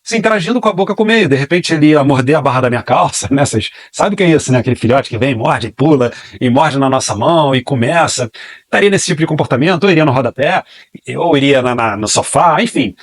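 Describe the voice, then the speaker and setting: A man's voice: medium pitch, animated, fast, no echo. A Brazilian man teaching a dog training class, explaining step by step and asking and answering his own questions. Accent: Brazilian Portuguese. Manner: explanatory, repeats key phrases, asks and answers own questions.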